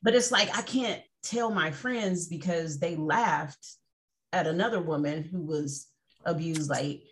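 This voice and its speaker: A woman's voice: low voice, measured pace. A woman co-hosting a casual chat podcast, blunt and emphatic, who swears freely. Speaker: podcast co-host.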